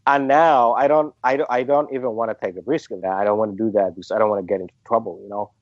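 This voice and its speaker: A man's voice: fairly low pitch, steady tone, quick pace, no room sound, dull audio. A man from Somalia speaking in an interview, hesitant, with many restarts and fillers. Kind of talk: phone interview.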